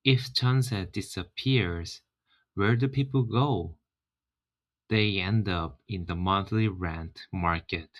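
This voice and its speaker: A man with a Korean accent hosts a casual explainer vlog in a low, deep voice. He talks at an unhurried pace, friendly and chatty, often filling pauses with "you know.". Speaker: channel host.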